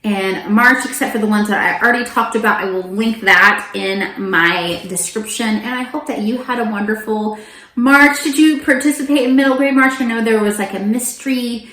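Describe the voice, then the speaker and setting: Her voice is on the high side, bright and forceful, at a moderate pace, and the room echoes. A middle-aged woman vlogging about books, she chats animatedly to viewers, frequently interrupting herself with informal asides.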